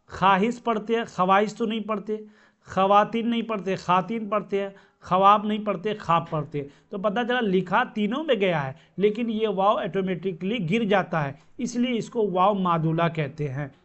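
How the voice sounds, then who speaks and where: A man's voice: high voice, a bit bright. A man teaching a grammar lesson, who asks questions and answers them himself and repeats each term. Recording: dull lo-fi sound.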